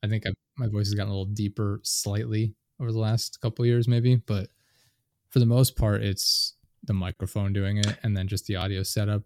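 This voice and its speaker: This man's voice is on the low side, darkish and slightly nasal, brisk, with little pitch movement and no echo. He hosts a podcast in a casual interview style, picking up speed and stumbling over words once he's rolling. The mic is a studio dynamic one.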